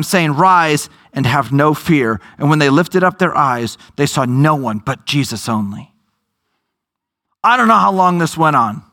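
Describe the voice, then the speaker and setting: A man preaching a sermon, telling a scripture story with emphatic, drawn-out phrases and lively storytelling. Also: fairly high pitch. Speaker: pastor.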